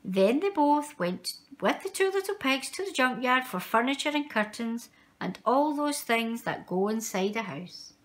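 Reading a picture book to young children, a woman uses a voice on the high side. She tells the story in a measured, expressive way and adds dramatic emphasis.

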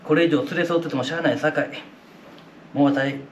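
A man voicing a sharp-tongued, exasperated Osaka wife who scolds and nags her husband, with an Osaka accent. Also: on the high side, fairly even intonation, quick pace, a little hiss or hum, voice pushed down, close to an everyday voice. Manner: scolding, nagging. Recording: roomy echoey room.

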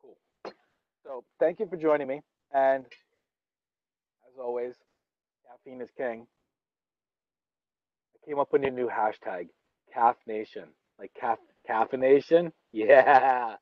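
A man's voice: mid-range voice, steady tone, takes it slowly, pauses often, dry recording, highs cut off. A young man vlogging while he eats outdoors, rambling casually with fillers and restarts. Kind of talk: casual talk while eating. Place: outdoors under a tree in a yard.

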